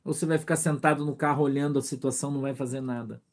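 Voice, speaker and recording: A man's voice: mid-range voice, fairly even intonation, racing. A male pastor preaching a sermon, acting out little scenes, asking rhetorical questions and greeting members of the congregation by name. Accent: Brazilian Portuguese.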